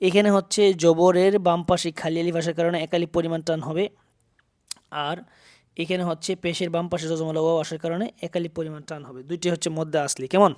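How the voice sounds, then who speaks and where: A man teaches Quran reading in a smooth, resonant, fairly high voice. He spells out syllables, draws the verses out in slow chant, then explains the rules quickly. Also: little pitch movement, darkish tone.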